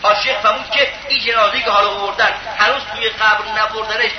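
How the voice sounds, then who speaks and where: A man's voice: high-pitched, steady tone, crowd noise. A man giving an emphatic sermon, asking his listeners rhetorical questions. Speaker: preacher. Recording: echoey, dull lo-fi sound with clear background noise.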